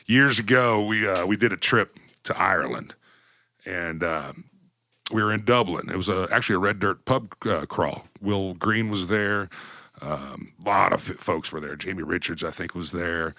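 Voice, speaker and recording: Laid-back low-voiced host. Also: male voice, normal speed, pushed and bright, dry recording, studio quality. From West Texas. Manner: laid-back, rambling storyteller, swears casually. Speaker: podcast host. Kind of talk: casual interview chat.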